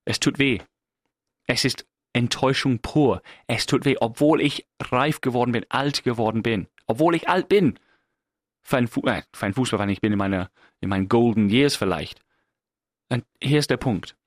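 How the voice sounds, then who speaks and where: A man's voice: medium pitch, moderate pace, no room sound, clean studio sound. A middle-aged man from England with an English accent, speaking German as a second language in a casual, self-mocking podcast monologue full of fillers and restarts. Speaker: podcast host.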